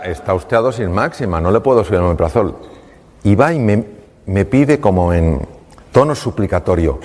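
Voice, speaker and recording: In a hall, a man with a fairly low-pitched voice tells a patient story on stage as a doctor. He's animated and performs the dialogue as he goes.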